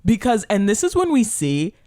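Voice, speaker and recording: A podcast co-host in loose, casual chat, full of slang and "like". The pitch swings widely from line to line. The voice is close and dry, with no room sound. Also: normal speed, no echo. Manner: animated, slangy, lots of "like".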